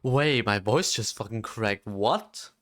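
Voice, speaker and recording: A man's voice: lowish voice, slow, a bit bright. An eighteen-year-old man streaming live, chatting casually while he codes, rambling with lots of "like" fillers and frequent swearing.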